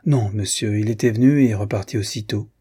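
Man reading a deferential male servant, warm, very husky, audiobook reading. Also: fairly low pitch, fairly quick. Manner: brief and deferential. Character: dutiful male household servant.

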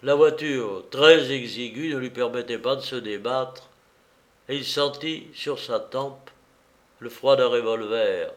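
A man narrating a novel in a measured, expressive storytelling voice. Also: medium pitch. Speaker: audiobook narrator.

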